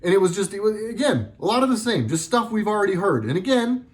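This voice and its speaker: A man's voice: high voice, expressive, fast talker. A middle-aged man delivering a sarcastic, heated political commentary monologue with lots of emphasis.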